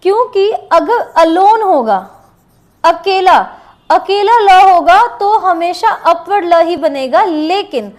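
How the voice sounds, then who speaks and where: Lady teacher, high voice, takes it slow, says every example word twice. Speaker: shorthand teacher. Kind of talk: classroom lesson with board writing.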